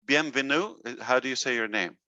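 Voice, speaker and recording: Bright, dry man chatting casually. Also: medium pitch, fairly quick, no echo. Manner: short, informal interjections and questions. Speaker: company CEO, guest on a talk show. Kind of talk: casual chat. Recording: dull, lo-fi online call audio.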